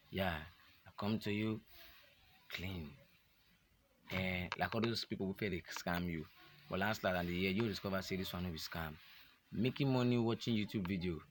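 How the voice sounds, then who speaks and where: A man's voice: low voice, normal speed, slight background noise. A young Nigerian man chatting casually to his vlog audience, joking and rambling, slipping into pidgin. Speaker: vlogger. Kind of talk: casual chat to camera.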